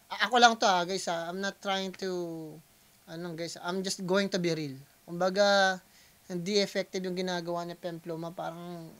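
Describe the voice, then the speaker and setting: A Filipino man hosting a reaction video, talking casually in mixed Tagalog and English, pausing often and calling out to his viewers. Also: high voice, fairly bright tone. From Philippines. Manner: hesitant Taglish, keeps addressing viewers as guys.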